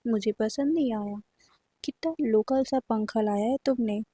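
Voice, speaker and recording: A woman's voice: a little high, moderate pace, warm tone, husky, no room sound. A woman voicing a shy, childlike boy who pleads and pouts in a whiny way. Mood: pouting.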